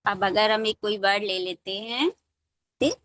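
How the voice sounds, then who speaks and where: An online Quran recitation teacher, a woman with a medium-pitched, somewhat bright voice, teaches young students letter pronunciation over a video call. She patiently demonstrates each sound slowly and at length, checking that they're keeping up.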